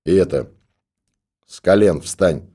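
Male narrator as a gruff, scolding stoker with a low, dark voice. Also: slow pace. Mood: stern. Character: gruff old stoker in a monastery.

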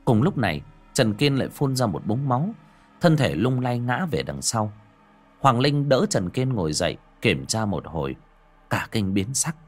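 A man's voice: mid-range voice, big pitch swings, moderate pace. A man narrating a horror-fantasy audiobook in a dramatic, scripted storytelling style. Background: background music.

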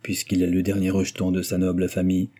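A man's voice: deep voice, completely flat delivery, quick pace, warm tone, husky. A man voicing a polite, formal elderly lord while reading a novel aloud. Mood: courteous.

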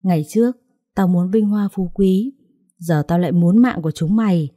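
A woman doing a vicious sister-in-law who spits out threats with cold contempt. The voice sits low and dark, close and dry with no room sound, in a spoken storybook. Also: moderate pace, no echo, lightly acted. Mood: menacing. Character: cruel scheming woman, bitter sister-in-law.

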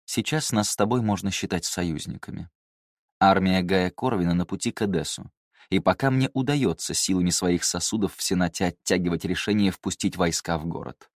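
A haughty mother, cold and clipped, barely holding back rage, read by a man in a low voice; dry audiobook sound. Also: fairly quick, dry recording. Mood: curt. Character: haughty scheming woman, a mother, furious.

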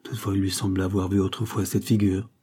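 A man narrating a classic novel in a measured, expressive audiobook reading. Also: deep voice, slightly rough. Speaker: audiobook reader.

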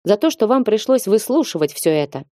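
A woman's voice: mid-range voice, very animated, fairly quick, mellow, dry recording, studio quality, voice pushed up, natural voice. A woman voicing a commanding male lord who speaks firmly and with authority in an audiobook. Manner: firm, clipped, authoritative. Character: commanding male lord, steely then gentle.

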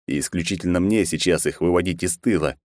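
A man narrating an audiobook in a steady, measured reading. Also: deep voice, dry recording, studio quality. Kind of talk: scripted narration.

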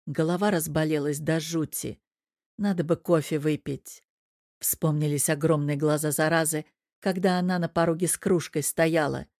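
A woman reading a story aloud in a steady, even manner as an audiobook narrator. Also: low voice, moderate pace, no echo, clean studio sound. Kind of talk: scripted narration.

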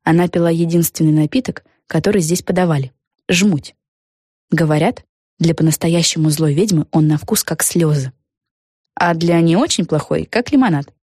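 A woman narrating a children's audiobook in a lively, expressive reading. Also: deep voice, normal speed, husky, dry recording, studio quality. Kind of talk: scripted storybook narration.

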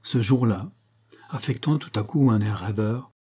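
A man narrating a classic short story in a measured, expressive storytelling manner. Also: fairly low pitch, slightly rough. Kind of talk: literary audiobook reading.

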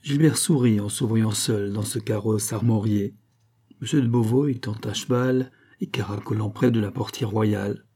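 A man narrating a classic novel as an audiobook in an even, steady storytelling manner. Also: lowish voice, moderate pace, husky. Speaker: audiobook reader.

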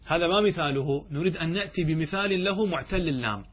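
A man's voice: on the high side, fast talker, husky. A man teaching a classroom grammar lesson as a sheikh. He keeps asking the students questions, repeats the answers and drags out key words for emphasis.

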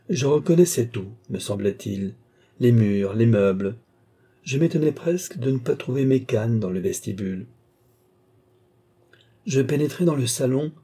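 A man narrates a classic story in a measured, literary audiobook reading. His voice is dark and mellow, with a husky grain. He voices the dialogue only lightly. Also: mid-range voice.

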